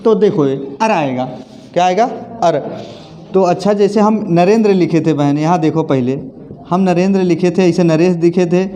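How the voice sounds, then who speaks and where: Teacher with a mellow voice. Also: male voice, high-pitched, normal speed. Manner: calls students friends and sister, asks and repeats answers. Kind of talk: classroom grammar lesson. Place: classroom.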